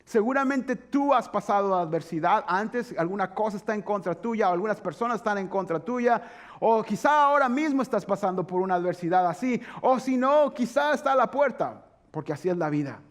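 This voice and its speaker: A man pastor preaching a sermon, animated, acting out voices and asking the congregation questions. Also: sits high, fairly quick.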